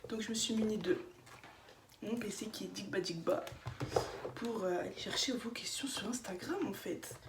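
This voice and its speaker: A woman's voice: medium pitch, normal speed. Young female beauty vlogger, slight slushy lisp, informal and opinionated chit-chat, roomy sound. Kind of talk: casual chatty makeup vlog, answering questions. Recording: echoey room with faint background noise.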